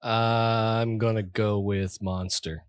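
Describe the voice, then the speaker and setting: A man's voice: lowish voice, flat delivery, slow, clean tone, no echo. A man, a guest, tossing out joking remarks in casual banter. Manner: joking, playful interjections.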